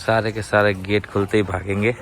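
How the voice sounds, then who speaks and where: A man working as a dog trainer talks casually to the camera at a dog hostel, often breaking off to shout firm orders and gentle coaxing at the dogs. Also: lowish voice, level tone, moderate pace, heavy background noise. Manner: commanding and coaxing dogs, often rising sharply.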